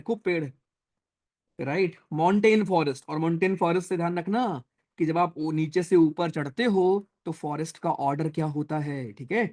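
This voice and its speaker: A young man teaching a live online class, chatty and teasing, mixing English terms into his talk. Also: high-pitched. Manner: chatty, teasing, addresses students as brothers and friends; mixes Hindi with English terms. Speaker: online exam-prep teacher.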